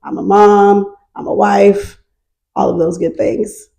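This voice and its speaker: A middle-aged woman from North Carolina, chatting lively and easily as an interview guest. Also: mid-range voice, slow, creaky, rough recording. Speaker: guest, nonprofit founder. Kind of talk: casual interview chat.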